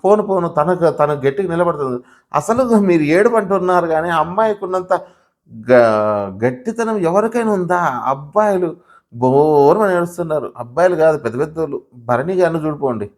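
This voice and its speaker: A man reviewing a show in casual spoken commentary, arguing with many rhetorical questions and talking straight to viewers as "sir". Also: a little high. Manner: animated, argumentative, full of rhetorical questions; addresses viewers directly as sir.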